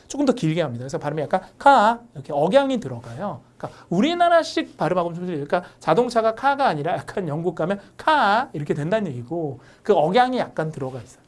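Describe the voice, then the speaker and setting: A young woman English teacher giving an online lecture, explaining pronunciation through lively stories. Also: on the low side.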